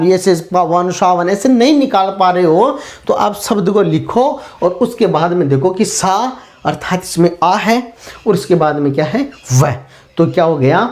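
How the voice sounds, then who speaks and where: Slow, patient male teacher. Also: high voice, a little mellow. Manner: poses questions to the class and answers them himself; patient, step-by-step explaining. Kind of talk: classroom grammar lesson.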